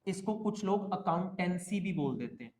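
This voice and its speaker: A man's voice: high voice, expressive, normal speed, darkish tone. Coaxing male accounting teacher, roomy echo. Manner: coaxing, keeps checking in with students. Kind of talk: classroom lecture.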